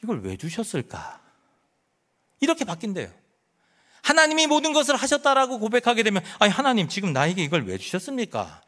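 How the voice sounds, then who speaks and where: Dramatic high-voiced preaching pastor. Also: male voice, huge pitch swings, fairly quick. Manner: preaching with wide swings between loud and hushed; dramatic, quotes imagined speech. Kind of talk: sermon.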